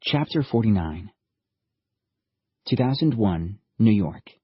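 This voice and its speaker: A man reading an audiobook in calm, low-key scripted narration. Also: slow pace, breathy edge, no room sound. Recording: dull lo-fi audiobook recording, dry.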